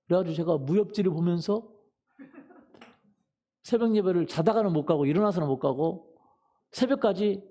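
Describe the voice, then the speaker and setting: A man preaching a Sunday sermon, his fairly high voice carrying a gravelly edge and a mellow, dark tone. He tells the story in a conversational way, throwing questions to the congregation and answering them himself. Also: highs cut off. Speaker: pastor. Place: church sanctuary.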